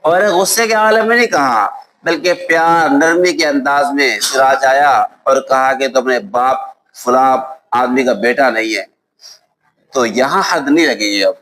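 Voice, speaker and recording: A man with a Pakistani Urdu accent teaching a lesson on Islamic law. He recites Arabic texts slowly, then explains them with examples and often checks that students follow. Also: mid-range voice, a bit bright, poor audio. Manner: explains with worked examples and asks "ٹھیک ہے؟" to check understanding. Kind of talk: classroom lecture.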